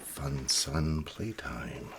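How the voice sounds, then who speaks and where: Super low voiced guy doing soft spoken asmr, rambling slowly, loud noisy recording with crinkly paper. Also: gravelly. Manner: soft, near-whispered, musing aloud with pauses. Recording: steady noise, paper crinkling and clicks. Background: newspaper crinkling and page turning.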